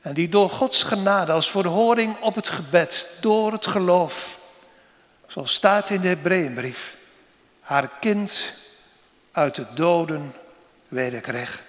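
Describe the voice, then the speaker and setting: A man preaching a sermon to a congregation, slow and solemn, with long pauses between phrases. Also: high voice, fairly bright tone. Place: church. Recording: long church reverb.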